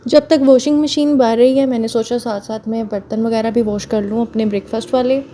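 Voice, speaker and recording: A slightly hoarse woman, chatting homely and directly to viewers while narrating her chores. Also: fairly high pitch, fairly even intonation, brisk, dark tone. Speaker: home vlogger. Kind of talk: casual voice-over narrating chores.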